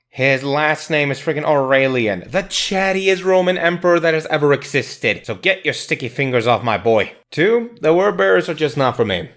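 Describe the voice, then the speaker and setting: A man hosts an audio drama review channel, delivering casual scripted commentary that is jokey, irreverent, and full of slang. His voice is medium-pitched and a bit bright.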